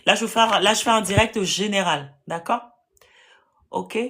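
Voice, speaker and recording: A woman's voice: medium pitch, normal speed, fairly bright tone. A woman with a Parisian French accent, hosting a live stream to sell land and answering viewer comments in a direct, firm way. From France.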